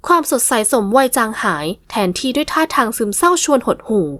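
A woman narrates a romance novel aloud in an expressive, emotive reading. Her voice sits high and moves a lot, and the recording is dry and close-miked. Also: a little fast, dry recording. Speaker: audiobook narrator.

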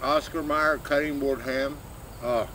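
Man, middle-aged, bright forward voice, chewing while talking, casual halting ramble, light outdoor noise behind. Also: mid-range voice, steady tone. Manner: rambling, halting, with trailing pauses. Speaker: vlogger. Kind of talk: casual mukbang chat addressed to one person. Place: outdoors in a shady grassy backyard. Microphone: camera a few metres away. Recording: outdoor background noise, insects, distant vehicles.

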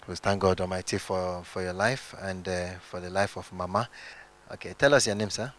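A male church interviewer asks formal, prompting questions of people on stage. His voice sits slightly low and steady. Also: moderate pace.

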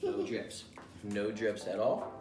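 Over music, a man with a fairly low pitch speaks slowly, his pitch swinging widely. He is a pastor in his thirties patiently teaching kids step by step at his dining table at home, repeating each instruction in a playful demonstration, picked up by a camera on the table.

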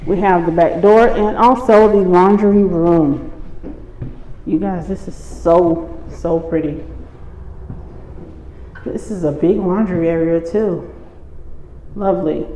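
Breathless, slow-talking woman vlogger. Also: fairly low pitch, warm tone. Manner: admiring, addressing viewers. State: short of breath. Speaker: vlogger touring a show home. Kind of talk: casual walk-through vlog narration. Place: walking through an empty or staged house and its yard. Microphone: handheld phone held by the person filming. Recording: echoey rooms, light background noise.

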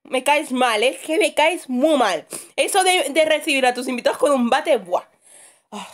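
A woman's voice: high voice, lively intonation, normal speed. A woman casually commentating a horror game, swearing a lot, muttering under her breath and screaming when startled. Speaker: gamer streamer.

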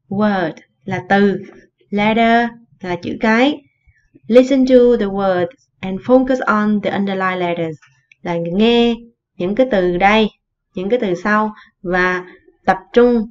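A woman teaching an English lesson, explaining words in Vietnamese and slowly repeating the English phrases. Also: medium pitch, highs cut off. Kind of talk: recorded online lesson explaining vocabulary.

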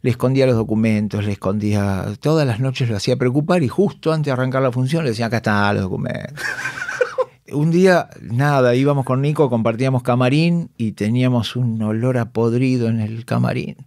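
In a casual podcast, an animated actor and comedian with a Rioplatense Spanish accent relates backstage stories, impersonating colleagues and laughing often. His medium-pitched voice runs a little fast. The studio-microphone recording is dry and studio quality.

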